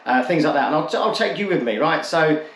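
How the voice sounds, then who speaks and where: A vlogger in his late 40s introduces his channel, talking to camera casually and candidly while rambling a bit and rephrasing himself. His fairly high voice is a bit bright, with lively intonation and a fast pace, in an echoey untreated room.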